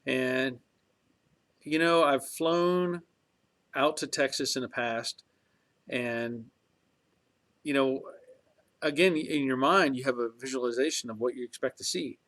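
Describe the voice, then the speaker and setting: A man's voice: medium pitch, a little slow, pauses often, fairly bright tone. A man in his early fifties hosting a casual livestream, chatting in a rambling, reflective way with many fillers and restarts while reading viewer comments. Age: 50s. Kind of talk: casual chat.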